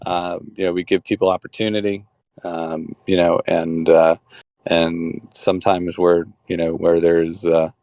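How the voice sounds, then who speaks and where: A man's voice: deep voice, little pitch movement, measured pace, mellow, dry recording, clean studio sound. A man leading a crypto club call, talking casually and rambling with many restarts and fillers.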